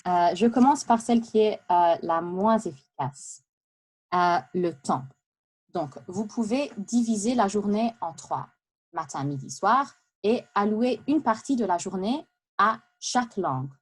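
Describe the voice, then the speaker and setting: A woman delivers a prepared talk in a fairly low voice. She sounds lively and conversational, drifting into asides and small hesitations as she goes. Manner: lively, chatty, with asides and laughs. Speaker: speaker giving a practice talk. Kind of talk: prepared speech for interpreting practice.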